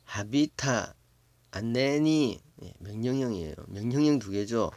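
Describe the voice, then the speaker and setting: A man giving a casual, musing Bible lesson, thinking aloud with many fillers and slowly sounding out words before explaining them. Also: medium pitch, lively intonation, darkish tone, no echo. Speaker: Bible Hebrew teacher.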